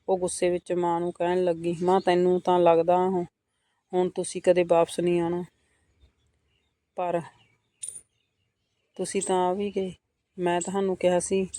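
High, even-toned man narrating a story. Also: no room sound. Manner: steady, earnest retelling of family drama, voicing all quotes. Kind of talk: scripted first-person story narration.

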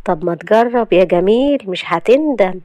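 A woman's voice: medium pitch, lively intonation, moderate pace, mellow, dry recording, lightly acted. A woman voicing a cheeky young man who teases and pesters a woman. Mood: teasing. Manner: smug, teasing.

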